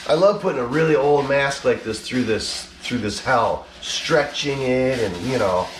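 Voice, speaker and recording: A man's voice: mid-range voice, animated, measured pace, background noise. A man collector talking casually in a blunt, exasperated way and swearing freely. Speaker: mask collector. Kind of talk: casual vlog ranting.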